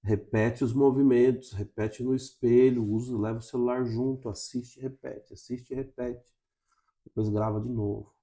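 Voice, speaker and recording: Warm-voiced Brazilian man coaching viewers. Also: mid-range voice, steady tone, normal speed. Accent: Brazilian Portuguese. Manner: coaching, checks in with frequent "tá?". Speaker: English teacher. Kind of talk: direct-to-camera lesson.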